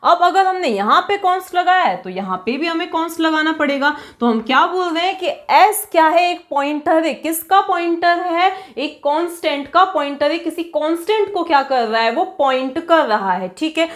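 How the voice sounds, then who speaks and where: A woman's voice: very high voice, animated, normal speed, hardly any pauses, fairly bright tone. A woman explaining programming, constantly asking and answering her own rhetorical questions. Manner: quizzes herself with repeated rhetorical questions. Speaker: programming teacher. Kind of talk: classroom-style coding lecture.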